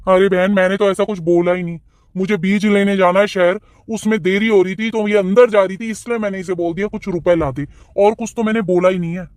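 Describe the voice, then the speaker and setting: A mild-mannered farmer in a cartoon, voiced by a man, patiently trying to smooth things over. His voice sits high for a man, and the recording is dry and close. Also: fairly even intonation, fairly quick, darkish tone, no echo, close to an everyday voice. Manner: placating, patient. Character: mild-mannered farmer, older brother-in-law.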